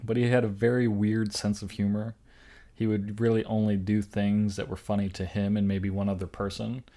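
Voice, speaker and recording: A young man with a fairly low voice talks casually as a podcast co-host. He rambles through his stories and keeps circling back with fillers and restarts. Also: flat delivery, normal speed, warm tone. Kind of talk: casual chat.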